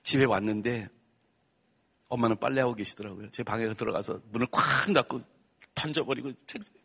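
A man from Korea preaching a sermon testimony, telling his story with strong emotion and sudden loud outbursts. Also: mid-range voice, brisk, gravelly, breathy edge.

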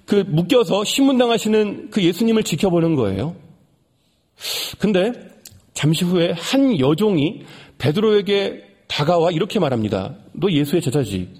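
Animated husky-voiced male preacher. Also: sits high. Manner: animated, dramatic, swings between rising emphasis and soft hushed lines. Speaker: pastor. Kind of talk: sermon storytelling.

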